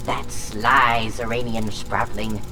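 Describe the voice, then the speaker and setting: A woman's voice: a bass voice, steady tone, takes it slowly, recorded from a distance, noisy background. A woman playing the crazy voice of an alien shard in an audio drama, ranting like an unhinged villain with theatrical, grandiose insults. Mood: mocking, manic. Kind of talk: full cast audio drama acting.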